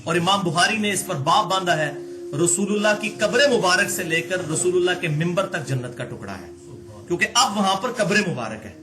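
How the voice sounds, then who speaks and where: A man's voice: high voice, lively intonation, fairly quick. A man giving a religious lecture, arguing with pointed rhetorical questions and sudden emphatic rises.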